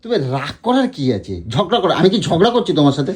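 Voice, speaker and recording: Bengali guy whining excuses to his wife, voice bouncing up and down, talks quick. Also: high voice, very animated. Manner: pleading, defensive, stingy excuses. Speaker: husband in comedy sketch. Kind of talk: scripted comedic quarrel.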